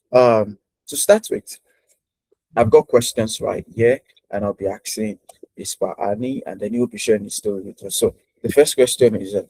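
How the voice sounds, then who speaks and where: A man's voice: lowish voice, mellow, husky, rough recording. A man hosting a casual interview over a video call, chatty and repeating himself with many fillers. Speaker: host.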